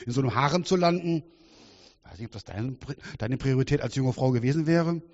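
A man in his fifties preaching a sermon in a lively, humorous and theatrical way, often asking the congregation questions. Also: medium pitch, fairly quick. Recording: dull sound with long hall reverb.

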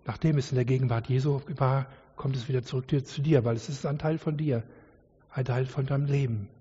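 A man's voice: medium pitch, fairly even intonation, a little fast, warm tone, breathy edge. A man preaching a sermon to his congregation in an earnest, conversational way, often adding "ja". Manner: earnest, conversational with many "ja" fillers. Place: church hall. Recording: distant lo-fi hall recording.

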